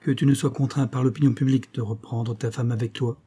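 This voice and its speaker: Voix d'homme : un homme qui lit un médecin froid et mesuré, timbre sombre. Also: male voice, mid-range voice, fairly even intonation, warm tone, husky, lightly acted. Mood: cool. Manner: measured, cool. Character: male doctor friend, cold, measured.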